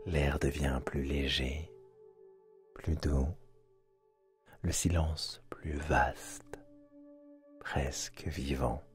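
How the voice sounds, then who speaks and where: A hypnosis channel host narrates a guided sleep session, his deep, slow voice steady in tone and pressed right against the listener's ear. He keeps it hushed, soft and soothing, pausing deliberately, with a close binaural recording and soft music underneath.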